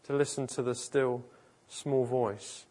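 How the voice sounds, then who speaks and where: A man's voice: mid-range voice, steady tone, slow pace, dark tone. A man preaching a sermon in an informal, earnest way, often restarting and correcting himself mid-sentence. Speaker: pastor. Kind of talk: conversational sermon.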